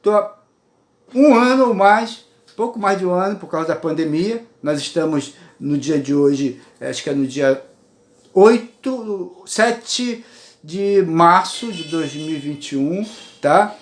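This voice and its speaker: His higher-pitched voice is expressive and slow, and the room is reverberant. A Brazilian Portuguese-accented poet and writer in his sixties, he delivers a rambling, earnest personal monologue from his apartment, pausing often to check in with his audience.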